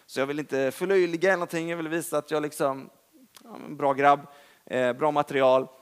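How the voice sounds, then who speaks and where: This sermon comes from a young Swedish-accented man whose voice is a little high and clean in tone. He tells stories in a chatty way, pokes fun at himself and emphasizes points with energy.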